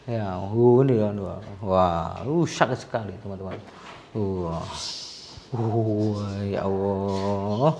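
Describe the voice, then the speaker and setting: A man's voice: lowish voice, slow pace, mellow, slight background noise. A male sports massage therapist, explaining to viewers while treating a patient, chatty and full of sympathetic exclamations. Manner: chatty, alternates coaxing the patient and addressing viewers.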